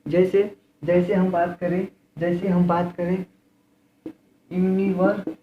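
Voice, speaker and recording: A man's voice: high-pitched, little pitch movement, slow. A man with an Indian accent teaching English grammar in a classroom style. He repeats key words and keeps asking rhetorical questions. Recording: roomy, dull lo-fi with faint room noise.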